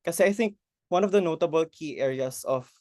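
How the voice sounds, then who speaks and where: Filipino man, panelist, slightly high voice, dry call sound. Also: a little fast, darkish tone, dry recording. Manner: code-switching, thoughtful. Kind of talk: online forum answer. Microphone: video call.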